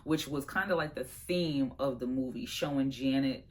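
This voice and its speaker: A woman chats through her favorite movies as a vlogger. She is animated and slangy, and she speaks right to her viewers. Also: a bass voice, normal speed. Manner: animated, slangy and chatty, addresses viewers as y'all. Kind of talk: casual movie review chat.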